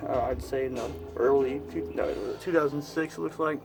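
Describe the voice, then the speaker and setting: A man in his thirties with a lisp and whistling s, giving a casual, halting video tour of his collection at home. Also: medium pitch, fairly even intonation, over music. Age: 30s. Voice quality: lisp with whistling s from new braces. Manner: halting, pauses mid-sentence. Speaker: collector presenting own collection. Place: inside a house.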